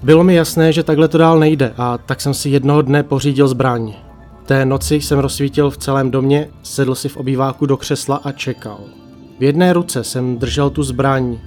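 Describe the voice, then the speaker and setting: Hushed male horror-story narrator. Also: mid-range voice. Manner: slow, hushed dramatic telling with long pauses. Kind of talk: creepypasta narration. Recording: faint music bed.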